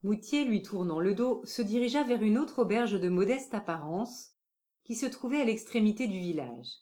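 A woman narrating a classic novel as an audiobook in a calm, measured way. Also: mid-range voice.

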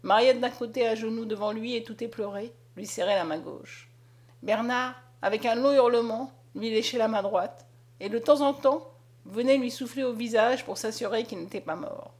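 Woman narrating an audiobook, expressive and dramatic, kinda high voice. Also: normal speed.

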